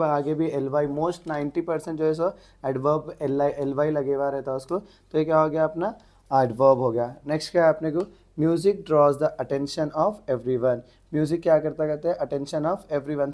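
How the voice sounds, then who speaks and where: A man's voice: fairly high pitch, fairly even intonation, normal speed, a little mellow. A man teaching an exam-prep English grammar lesson, asking the class questions and answering them himself.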